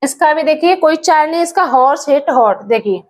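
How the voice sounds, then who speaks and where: A woman's voice: sits high, expressive, fairly quick. A woman who teaches English pronunciation, speaking patiently, repeating words and spelling them out letter by letter. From India.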